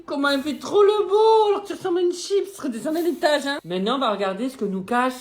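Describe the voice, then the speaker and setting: A young woman hosts a comic unboxing vlog, full of crude jokes and sudden bursts of excitement. Her voice sits a little high and bounces around a lot. Faint noise sits under the recording. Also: fast. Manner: crude, excitable, jokey, swings between loud and soft. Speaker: YouTuber.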